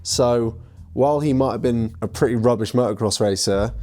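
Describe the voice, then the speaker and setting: A man runs a game show panel in casual, blunt banter. He talks in a mid-range voice and dismisses weak stories flatly. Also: mid-range voice, moderate pace. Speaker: panel host.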